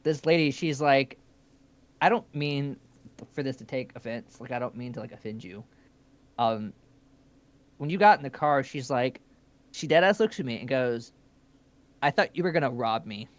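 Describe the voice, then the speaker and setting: Young guy on a stream, animated storyteller, swears a lot, mid pitch. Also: moderate pace, pauses often. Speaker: stream co-host. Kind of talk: casual chat.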